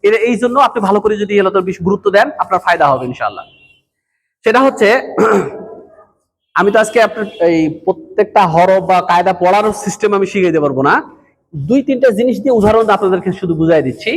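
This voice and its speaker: A man's voice: sits high, animated, quick pace. A man, training madrasa teachers in a lecture and repeatedly quizzing his audience. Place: madrasa hall. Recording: echoey hall with long reverb.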